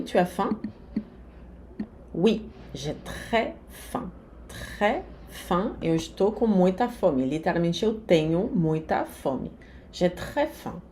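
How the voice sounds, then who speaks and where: Woman, teacher, language lesson, slow careful drills, faint background noise. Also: medium pitch, a little mellow. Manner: slow, carefully over-articulated pronunciation drills. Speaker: French teacher.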